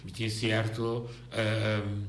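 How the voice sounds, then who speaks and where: A man with a Bonaire accent, a singer guest in a radio interview, talking haltingly and repeating his words often. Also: fairly low pitch, little pitch movement, reverberant.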